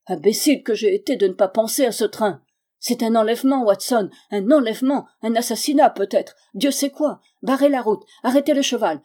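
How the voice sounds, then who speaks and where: Brisk male detective read by a woman, clipped and decisive, mellow-toned storybook reading. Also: medium pitch, close to an everyday voice. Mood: urgent.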